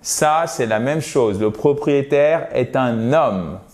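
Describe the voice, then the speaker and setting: A man's voice: medium pitch, animated, slow pace, darkish tone. A man teaching a language lesson, spelling out and repeating example phrases and checking in often with short questions. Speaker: English teacher.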